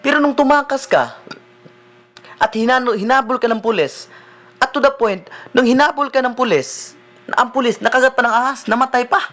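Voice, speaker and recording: A man, a deliverance minister preaching a sermon in a conversational way, often checking in with the listeners with a quick "no?". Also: extremely high pitch, a bit bright. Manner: conversational preaching, mixing in English phrases, frequent "no?" tag questions.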